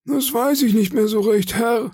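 A man voicing an old, slow-witted, grey-haired sailor in a storybook reading, timid and sheepish. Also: a little mellow, husky, no echo. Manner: timid, sheepish, high and thin.

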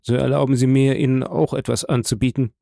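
A man's voice: mid-range voice, little pitch movement, fairly quick, creaky, warm tone, dry recording, studio quality, lightly acted. A man voicing a humble, eager old prison guide in an audiobook, speaking in a deferential, wondering way. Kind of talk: audiobook character reading.

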